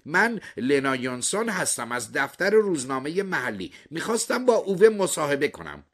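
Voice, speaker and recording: A man's voice: on the high side, very animated, fairly bright tone, pitched above the performer's own voice, exaggerated voice. A man voicing a pushy, persistent woman reporter who speaks insistently in a raised voice.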